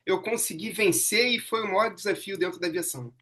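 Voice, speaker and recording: A man's voice: high-pitched, a little fast, sharp tone. A man hosting a podcast, guiding a casual interview and steering it to questions. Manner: conversational, steers the talk to questions. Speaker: podcast host.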